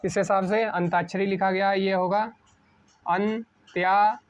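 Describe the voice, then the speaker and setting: A man teaching an exam-prep spelling lesson at a board, asking a question and answering it himself, slowing down on each correct word. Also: sits high, level tone. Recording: dull lo-fi sound.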